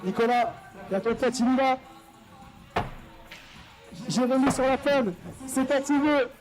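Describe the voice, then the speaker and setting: A man's voice: very high-pitched, a little slow, poor audio. A man announcing a live skate contest, teasing the riders and urging the crowd to cheer. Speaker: event announcer. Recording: live event audio with music behind.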